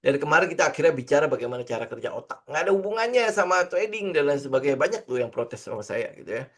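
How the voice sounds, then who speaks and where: A man's voice: on the high side, very animated, racing. Chatty man teaching trading. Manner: chatty, rhetorical questions, many fillers. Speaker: trading instructor. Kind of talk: casual screen-share lesson.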